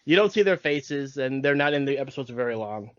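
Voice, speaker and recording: A podcast host chats casually about what he's a fan of, speaking in an expressive, medium-pitched voice at a brisk pace. The recording is dry, dull and lo-fi, with no echo.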